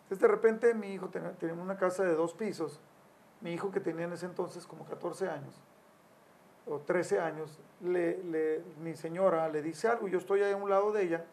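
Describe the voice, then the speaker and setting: Gravelly older man telling family stories. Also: high voice, fairly even intonation, a little fast, darkish tone, slight background noise. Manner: storytelling, acts out quotes with raised voice. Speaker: family counselor guest.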